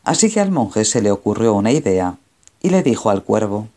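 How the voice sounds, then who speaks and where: A man narrating a fable as a storyteller, in a calm, measured way. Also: fairly low pitch.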